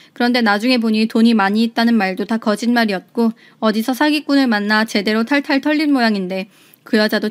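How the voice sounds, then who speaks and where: A woman narrating a reader's story in a scripted, storytelling way. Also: on the high side.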